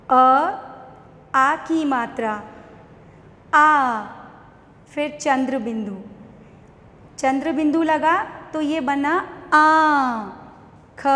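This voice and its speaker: Woman, Indian accent, primary teacher, high voice, unhurried, spells words out slowly, roomy echo. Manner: slow, syllable-by-syllable spelling aloud. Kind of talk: online class for young children. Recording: echoey room with long reverb.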